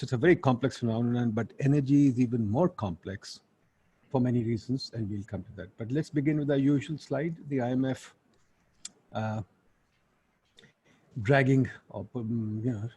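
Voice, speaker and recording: Husky Pakistani man hosting a webinar. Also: medium pitch, mellow. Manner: informal, blunt, sprinkles in Urdu asides. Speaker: webinar host and moderator. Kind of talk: informal spoken webinar introduction. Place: online webinar.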